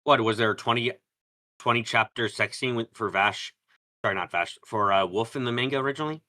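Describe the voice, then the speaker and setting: A man's voice: mid-range voice, fairly quick, bright, forceful tone, dry recording, clean studio sound. A man co-hosting a watch-along, chatting casually and swearing as he reacts to what is on screen.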